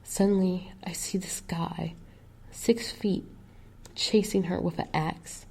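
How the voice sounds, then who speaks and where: A woman tells a first-person horror story in a slow, gravelly voice that often drops into a whisper. Her tone is dark and low. She lets every sentence hang. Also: steady tone.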